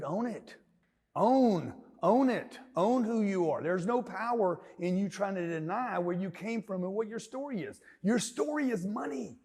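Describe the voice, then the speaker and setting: A man in his fifties from Louisiana with a Southern accent, giving a loud, emphatic, rambling and jokey seminar talk as a business mentor. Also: sits high. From Louisiana, USA. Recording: long hall reverb.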